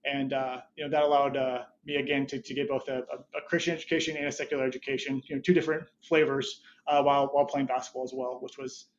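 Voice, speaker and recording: A man's voice: medium pitch, flat delivery, quick pace, hardly any pauses, dull audio. A man in his thirties, a startup founder talking as a podcast guest, rambling with many restarts and short laughs. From Budapest, Hungary, raised there as an American. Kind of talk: casual interview chat.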